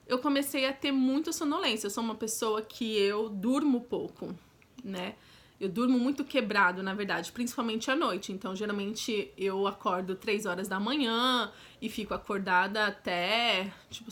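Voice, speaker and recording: A woman's voice: on the high side, fairly bright tone. A young woman with a Brazilian Portuguese accent, telling a personal story in a chatty, direct vlog style with frequent asides to the viewer. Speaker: vlogger. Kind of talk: casual storytelling.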